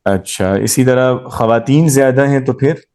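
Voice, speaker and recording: A man's voice: medium pitch, measured pace, a little mellow. A man teaching a grammar class, explaining patiently and quizzing his students as he goes. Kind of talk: live class lesson.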